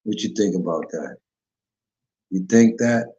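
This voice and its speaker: A man's voice: sits low, unhurried, dark tone. A man hosting a casual solo sports betting talk show, rambling in slang and often correcting himself. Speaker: sports betting podcast host. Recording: dull lo-fi recording.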